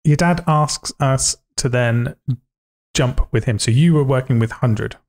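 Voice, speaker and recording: A man's voice: medium pitch, measured pace, darkish tone. A young man hosting a podcast interview, rambling, joking and cutting himself off mid-sentence. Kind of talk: casual conversational interview.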